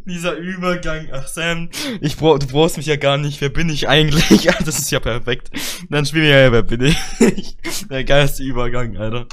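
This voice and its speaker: A young man hosting a casual podcast over an online call, joking and laughing often, with slangy talk and a voice strained from shouting. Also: fairly high pitch, moderate pace, few pauses, no room sound. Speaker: podcast host.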